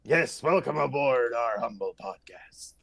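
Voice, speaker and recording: A man's voice: mid-range voice, lively intonation, unhurried, gravelly, fairly bright tone, heavily acted. A man voicing a boastful pirate captain who talks in hammy pirate grammar on a podcast. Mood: swaggering.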